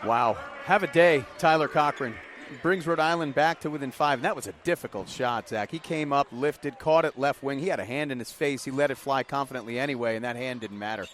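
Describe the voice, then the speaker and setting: A male color analyst gives live commentary on a basketball broadcast, breaking down plays in a conversational, colloquial way. His voice is medium-pitched and fairly bright, and he talks a little fast. It's a live broadcast from an indoor arena, with game noise in the background.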